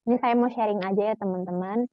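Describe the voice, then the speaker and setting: A woman's voice: mid-range voice, steady tone, fast, no echo. Young woman chatting on a call, audio glitching and breaking up, dry and muffled. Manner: friendly, chatty, many hesitation fillers. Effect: choppy, breaking-up online call audio. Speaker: guest speaker sharing experiences. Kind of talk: casual presentation to an online audience. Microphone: video call. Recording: dull, lo-fi, dropping-out call audio.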